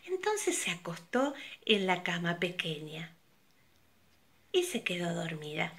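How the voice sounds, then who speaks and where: An older woman telling a children's fairy tale slowly and very expressively, her pitch leaping around. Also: big pitch swings, fairly bright tone. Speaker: storyteller. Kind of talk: storytelling for children.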